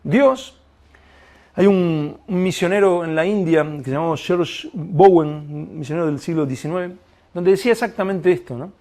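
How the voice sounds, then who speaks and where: A man preaching a sermon, animated, acting out quoted prayers and dialogue in his storytelling. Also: sits high, normal speed.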